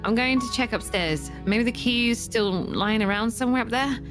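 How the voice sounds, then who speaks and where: A woman's voice: a little high, normal speed, over music. A woman streamer chatting casually and playfully while reading game choices aloud. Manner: playful, reactive.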